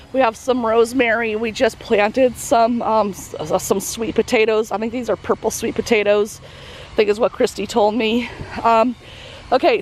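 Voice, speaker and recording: A woman's voice: a little high, a little hiss or hum. A woman giving a casual walkthrough of her community garden outdoors, chatty and a little out of breath, with lots of fillers and restarts.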